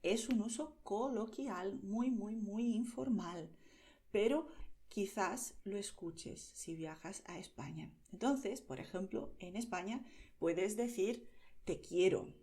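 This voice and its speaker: A woman from Spain with a Spain Spanish accent, teaching pronunciation to learners slowly and clearly, often checking in with "¿vale?". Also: mid-range voice, warm tone. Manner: slow, clear, over-articulated, checks in with "¿vale?".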